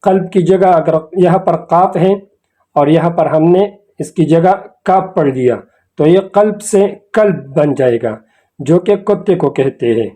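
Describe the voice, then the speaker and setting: A man teaching Quran recitation in a slow, patient lesson, repeating key words and phrases. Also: fairly high pitch, dark tone. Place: academy channel video lesson.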